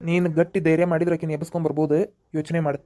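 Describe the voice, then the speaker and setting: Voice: mid-range voice, flat delivery, mellow, slight background noise, lightly acted. A performer with a North Karnataka Kannada accent voicing a practical village friend in a cartoon, giving matter-of-fact advice. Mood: advising. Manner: advising, matter-of-fact, quick. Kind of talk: cartoon voice acting.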